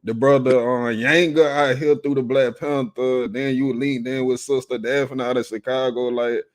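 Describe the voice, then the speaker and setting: A man's voice: medium pitch, fairly even intonation, moderate pace. A man hosting a casual livestream chat, laid-back and laughing often, greeting viewers from the comments. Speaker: livestream host.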